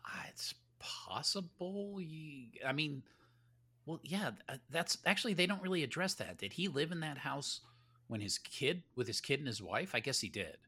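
Husky lively man with dry quips. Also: fairly high pitch, moderate pace. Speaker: podcast co-host. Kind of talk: casual chat.

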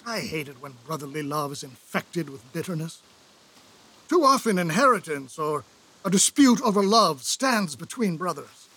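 An actor playing a remorseful royal brother in an earnest, pleading stage delivery for an audio drama. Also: male voice, a little high, animated, normal speed, bright, forceful tone, breathy edge, exaggerated voice. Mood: firm.

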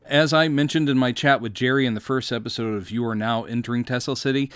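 This Mississippi-born podcast host, an American man in his fifties, delivers his scripted life story wryly and theatrically. He sounds medium-pitched and steady at a quick pace, with a clean recording and no room sound.

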